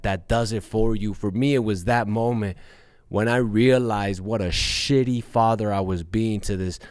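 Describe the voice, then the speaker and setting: A man's voice: lowish voice, no room sound, studio quality. A man in his thirties hosting a show, telling a personal story to his listeners in a candid, profane way and calling them guys. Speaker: podcast host.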